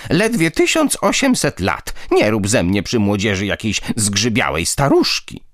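A man voicing a sharp-tongued old grandmother ghost who scolds and teases. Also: lowish voice, wildly swooping pitch, unhurried, no room sound, clean studio sound, voice pushed up. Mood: scolding. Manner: scolding, teasing.

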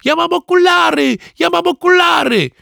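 A shrill, whiny crybaby schoolboy. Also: male voice, normal speed, creaky, sharp tone, no echo, raised voice, clean studio sound, full character voice. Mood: panicked.

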